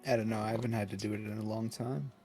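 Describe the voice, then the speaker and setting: A man's voice: on the low side, fairly even intonation, fast talker, mellow, soft background music. A man casually chatting and teasing while streaming a video game, in a playful, mock-indignant manner.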